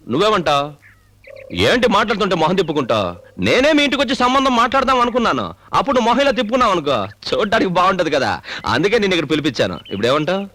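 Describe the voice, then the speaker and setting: A man's voice: sits high, pushed and bright, no echo, heavily acted. An actor playing a boastful, pushy middle-aged village father who talks in an overbearing, persuasive way. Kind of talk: film dialogue.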